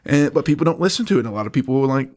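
A man's voice: mid-range voice, animated, rapid-fire, a little mellow. A man in casual conversation about music, laying out his opinions at length.

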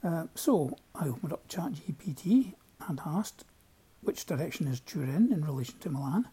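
A man with a broad Scottish accent telling anecdotes in a casual, droll voice memo, with a husky voice. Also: on the high side, sing-song, normal speed, warm tone. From Scotland. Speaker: listener sending in a voice memo. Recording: home voice memo.

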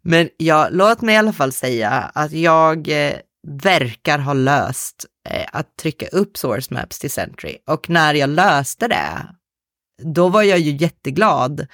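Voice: medium pitch, expressive, fairly bright tone, dry recording, studio quality. A podcast co-host in casual chat, talking in a gloomy, wry and self-mocking way.

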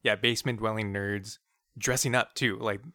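A man co-hosting a casual podcast chat who cuts in with quick jokes. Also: lowish voice, steady tone, bright, forceful tone, no echo, clean studio sound. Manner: quick, joking interjections. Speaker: podcast co-host.

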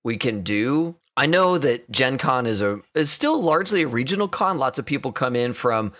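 A man's voice: medium pitch, expressive, moderate pace, a bit bright. A man with an American accent hosting a gaming podcast, chatty and easygoing, laughing often. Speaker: podcast host. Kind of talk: casual podcast chat.

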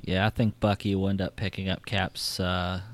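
A man with a fairly low voice guides a relaxed film chat with friends. He rambles and hesitates, filling gaps with "uh" and "like" as he works through his thoughts. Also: normal speed. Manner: rambling, hesitant with many fillers. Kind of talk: casual movie discussion.

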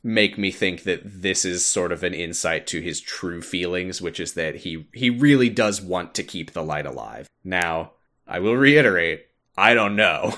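A podcast host with a deep, slightly bright voice casually retells a game story. His commentary is informal and mildly sweary, and he laughs often.

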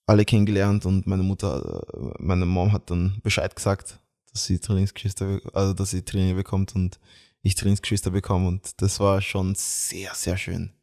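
A young man tells a family story in an interview, with a low-pitched voice. He talks casually, stumbles over restarts and fillers, and laughs easily. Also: vocal fry, darkish tone. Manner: chatty, halting with many fillers and restarts, laughs often. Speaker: guest.

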